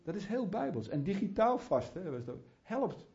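A man's voice: high-pitched, big pitch swings, fairly quick, mellow. Fervent preacher man, muffled sound. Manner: fervent, rising to prayerful fervor; chatty asides, restarts. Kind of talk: sermon.

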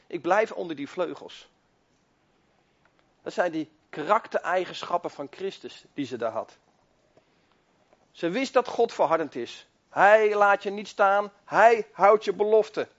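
A man preaches with a high voice, driving his points home through fervent repetition and swelling emphasis. The recording is dull and lo-fi, like an old sermon tape. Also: fairly bright tone.

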